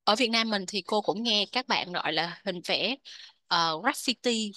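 A woman with a Vietnamese accent teaching English vocabulary, repeating each word slowly before explaining it. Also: mid-range voice, pushed and bright, no echo. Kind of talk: vocabulary lesson.

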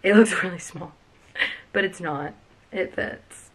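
A young woman with a lowish voice talks slowly while sitting on the floor of a cluttered bedroom, filming a casual packing vlog on a camera a few feet away. She chats and gushes throughout, peppering her speech with lots of "like" and "freaking."

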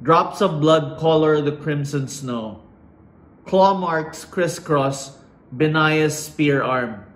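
A middle-aged man giving an inspirational commencement speech indoors, slow and dramatic with emphatic pauses. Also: a little high. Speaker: commencement speaker. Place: indoors against a plain wall. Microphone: fixed camera at chest framing. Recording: roomy echo.

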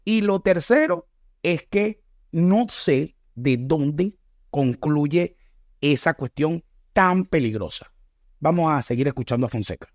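A man's voice: on the high side, lively intonation, no echo. A middle-aged Venezuelan man with a Venezuelan accent, reacting to a video with earnest, emphatic political commentary. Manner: earnest, emphatic, speeds up and slows for stress.

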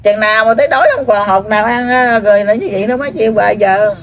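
A woman with a Southern Vietnamese accent, speaking in trance as a grandmother spirit in a scolding, rambling, repetitive way full of drawn-out fillers. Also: mid-range voice. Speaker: spirit medium.

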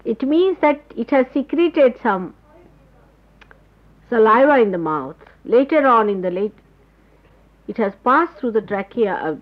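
A woman giving a spiritual talk to followers, explaining patiently and pausing to search for words, on an old tape recording. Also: a little high, big pitch swings. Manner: explanatory, gropes for words with pauses. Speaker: spiritual teacher. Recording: dull lo-fi 1979 tape recording.

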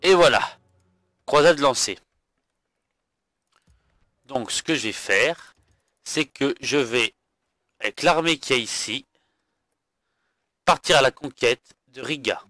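A man's voice: mid-range voice, measured pace, long pauses, pushed and bright, no echo, studio quality. A tired man narrating his own strategy game playthrough, thinking aloud with frequent hesitations. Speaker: gaming video host. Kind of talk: let's play commentary.

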